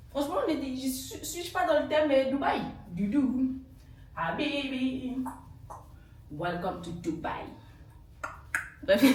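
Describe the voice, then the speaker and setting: A young woman chatting casually to her camera in an excitable vlog, talking to herself as she goes. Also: fairly high pitch, husky. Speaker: vlogger. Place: hotel room, later rooftop pool. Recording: loud music behind.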